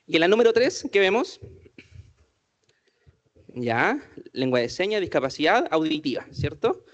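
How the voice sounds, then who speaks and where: Guy teaching a group, keeps asking "right?", kinda high voice, muffled recording. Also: big pitch swings, measured pace. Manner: asks the audience many questions, says "¿cierto?" often. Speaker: inclusion workshop speaker. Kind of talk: interactive talk to a group.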